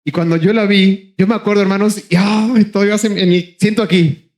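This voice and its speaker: Man, pastor, sermon, high voice, passionate, speeds up and slows down for emphasis. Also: fairly even intonation, darkish tone. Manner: impassioned, repeatedly addressing the congregation as brothers; shifts between rapid bursts and slow, drawn-out emphasis.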